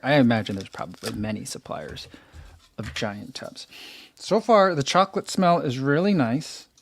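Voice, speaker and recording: Speaking at medium pitch, this young man has a soothing voice and runs a laid-back live stream from his home room, reading viewer comments aloud. His desk microphone sits by the computer, and a little hiss or hum can be heard. He chats easily, laughs a lot, and fills his speech with plenty of fillers.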